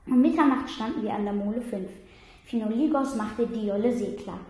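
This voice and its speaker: A woman's voice: on the high side, fairly quick, darkish tone. Woman reading a story in an echoey room. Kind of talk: first-person story reading.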